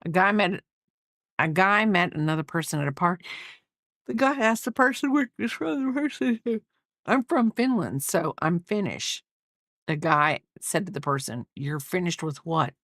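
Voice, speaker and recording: Counting her stitches out loud, a middle-aged crochet host rambles along in casual chat, trailing off and going over the same things again. She speaks at a moderate pace in a lowish, fairly bright voice with lively intonation, recorded cleanly in a studio with no room sound.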